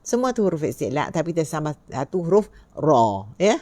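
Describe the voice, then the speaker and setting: A woman teaching Quran recitation, slowly repeating letter sounds and asking her listeners rhetorical questions. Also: low-pitched, very animated, dark tone, dry recording. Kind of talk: tajwid lesson.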